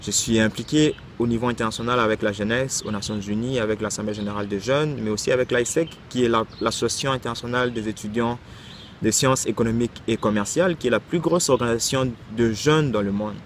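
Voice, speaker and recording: A man's voice: medium pitch, fast talker. A man in his twenties from Kasaï, introducing himself as a youth activist in a composed, self-assured way. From Kasaï, DR Congo. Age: 20s. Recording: outdoor street noise.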